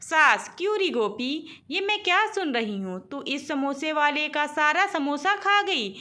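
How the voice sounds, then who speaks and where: Lady doing a nagging old mother-in-law, high bright voice, always fed up. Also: animated, unhurried, exaggerated voice. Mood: scolding. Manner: nagging, exasperated. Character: scolding older mother-in-law.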